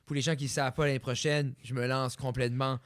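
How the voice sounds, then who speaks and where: A man's voice: mid-range voice, level tone, fast, dry recording, studio quality. A young man with a Quebec French accent, co-hosting a casual podcast chat and slipping English words into his French. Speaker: podcast co-host.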